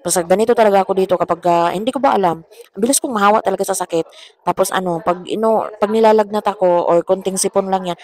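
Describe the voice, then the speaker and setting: A young Filipino woman vlogger whose voice is hoarse after a fever, chatting in a casual voice-over and laughing often. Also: mid-range voice, quick pace, a little mellow. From Philippines. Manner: chatty, laughs often, says "char" as a tag. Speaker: vlogger, domestic worker abroad.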